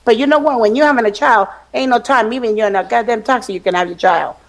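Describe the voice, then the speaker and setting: A woman's voice: a little high, fast talker. A woman on an internet radio panel, talking bluntly and emphatically, with casual swearing.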